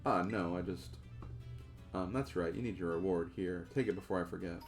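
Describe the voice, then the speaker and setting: Guy voicing flustered teen girl hacker, mumbly and unsure, deep creaky voice. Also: normal speed, soft background music. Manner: hesitant, flustered, trailing off.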